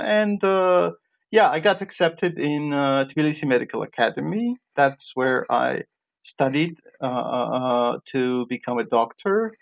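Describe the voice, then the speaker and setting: A man's voice: mid-range voice, gravelly. Young man, interview guest, hesitant and filler-heavy, muffled lo-fi audio. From Iraq, raised in Jordan. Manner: halting, many fillers and restarts. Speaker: guest, medical graduate. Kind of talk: interview answers. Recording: dull lo-fi sound.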